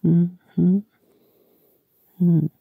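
A man in an ASMR boyfriend roleplay, talking in soft, drowsy, affectionate murmurs that slip into whispers. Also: sits high, level tone, drawn-out words, gravelly, breathy edge, no echo, narrow, tinny audio.

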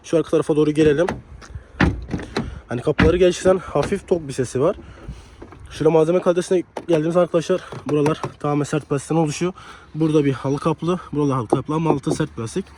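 Young guy doing a car walkaround outside, bit hoarse and sick, talks fast, faint noise behind. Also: on the high side, fairly even intonation. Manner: chatty, leans on the filler "hani". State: slightly hoarse from a cold. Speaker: car reviewer. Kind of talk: casual car review walkthrough. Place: outdoors beside a car in cold weather.

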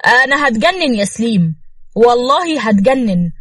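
Woman doing an old grandfather, Egyptian accent, fatherly, anxious, husky. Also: on the high side, very animated, normal speed, no room sound, studio quality. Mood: worried. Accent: Egyptian Arabic. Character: old grandfather, worried and kindly.

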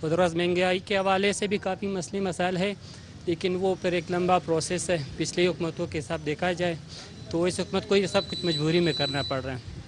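A man, a shopkeeper answering calmly and even-handedly, mixing in English words. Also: high-pitched, normal speed, a little hiss or hum. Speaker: shopkeeper interviewed. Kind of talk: vox pop interview.

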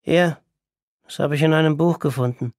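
A man putting on a theatrical, high-strung male patient. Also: normal speed, no room sound, clean studio sound, natural voice. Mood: provocative. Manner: declaiming, mocking, pitched up excitedly. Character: agitated adult male psychiatric patient, theatrical. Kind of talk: audiobook character reading.

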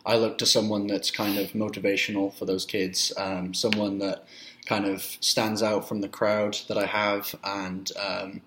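A young man in his twenties from Wales, a youth soccer coach, answering interview questions in a halting way with many fillers, recorded on a laptop webcam in a small room. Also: lowish voice, level tone, a bit bright, slight background noise. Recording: roomy webcam audio.

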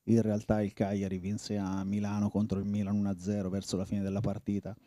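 A man in his forties from Italy, a former footballer reminiscing in an interview, reflective and halting, often restarting his phrases. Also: on the low side, completely flat delivery, dark tone, no room sound, clean studio sound.

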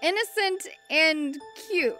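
Woman playing high-voiced, tough cartoon cop Carmelita Fox. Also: takes it slowly, loud music behind the voice. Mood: indignant. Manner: indignant, determined. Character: tough, hot-tempered young fox policewoman. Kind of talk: fan-dub comic acting.

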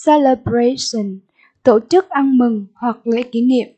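A woman's voice: a little high, measured pace, dark tone. A Vietnamese-accented woman teacher in a recorded English vocabulary lesson, repeating each word and giving its meaning and stress.

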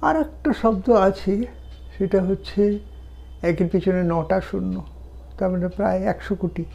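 A woman teaching French numbers, counting them out slowly one by one and explaining pronunciation step by step. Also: medium pitch, fairly even intonation, creaky, mellow. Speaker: language teacher. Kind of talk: slow, deliberate language lesson.

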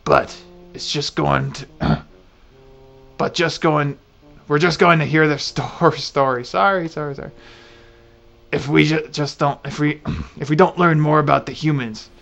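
A man's voice: on the high side, fairly even intonation, unhurried, gravelly, a bit bright, dull audio. A man doing casual, goofy, irreverent commentary on a video game and reading its text aloud dramatically.

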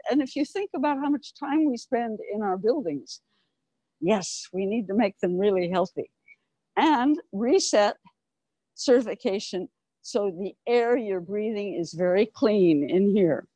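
Through a clip-on lapel microphone, with no room sound, an older woman in a face mask explains things to a group she's guiding on an informal walk through an open-plan office. Her voice is a little high and mellow.

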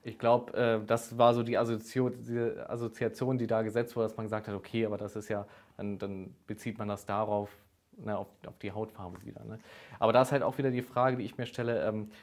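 A man's voice: on the low side, little pitch movement, a little fast, darkish tone. A young man interviewing a professor, asking long questions with hesitant phrasing and many filler sounds.

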